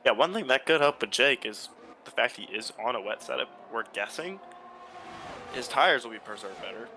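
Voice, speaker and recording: A man giving conversational motorsport commentary and analysis on an online race, with a gravelly edge to his voice. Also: medium pitch, expressive, normal speed, sharp tone. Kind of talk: conversational analysis in live sim racing commentary. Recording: clearly noisy background.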